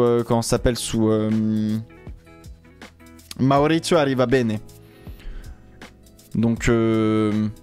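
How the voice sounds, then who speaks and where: A man's voice: mid-range voice, darkish tone. A man chatting casually on a live stream, rambling with many fillers and restarts.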